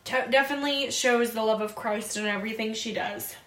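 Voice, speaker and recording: A woman's voice: a little high, a little fast, fairly bright tone, reverberant, low-quality recording. A woman co-hosting a casual podcast, earnest and reflective, who laughs easily. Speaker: podcast co-host.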